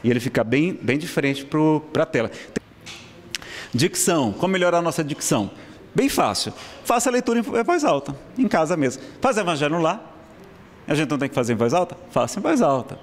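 A man's voice: fairly high pitch, big pitch swings, a little fast, slight background noise. A Brazilian man teaching a public speaking class in a lecture room, talking conversationally and often checking in with the audience. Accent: Brazilian Portuguese. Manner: conversational, frequent "tá certo?" check-ins. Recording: long hall reverb.

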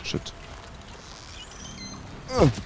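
A man giving casual, excitable gameplay commentary as a let's play host, dropping English gamer slang into his talk. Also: slow, a little hiss or hum.

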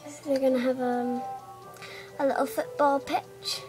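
High-voiced young girl narrating gameplay. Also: level tone, measured pace. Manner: chatty, rambling, with frequent fillers. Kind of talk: casual gameplay commentary. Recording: gameplay audio with loud music underneath. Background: background music.

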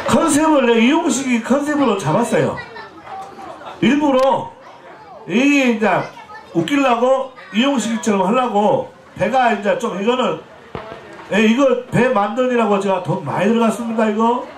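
A very high-pitched, animated voice at normal speed belongs to a Jeolla pumba street performer in his forties. Joking and teasing, he chats with the crowd on an outdoor festival stage, his throat a bit scratchy and the PA echoing.

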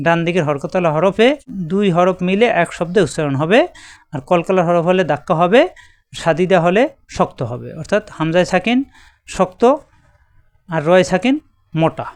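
A man teaching Quran reading in a slow lesson, spelling each word out and saying it two or three times with stretched syllables. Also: high-pitched, clear, resonant tone, no echo.

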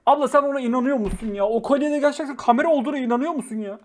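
A young woman streaming live, talking fast and high over a TV show. She jokes loudly and swears without a second thought. Her commentary is quick and excitable. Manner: loud, joking, swears freely.

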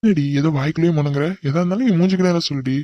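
A man's voice: on the high side, very fast, dark tone, no room sound, dull audio, close to an everyday voice. A man voicing a cocky young man in a cartoon who bossily teases his cousin. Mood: teasing. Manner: bold, bossy teasing. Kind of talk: cartoon voice acting.

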